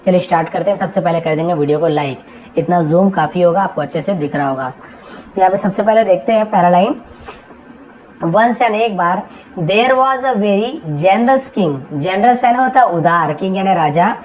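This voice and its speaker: A woman teaching an English translation lesson. She reads English slowly word by word, explains each word in Hindi, and often checks that her students follow. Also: lowish voice, a little mellow, rough recording. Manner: checks understanding with frequent questions. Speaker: English tutor.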